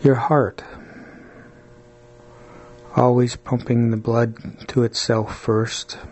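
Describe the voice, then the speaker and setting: A man leading a guided body-scan meditation, speaking calmly and soothingly, with long pauses between short phrases. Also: mid-range voice.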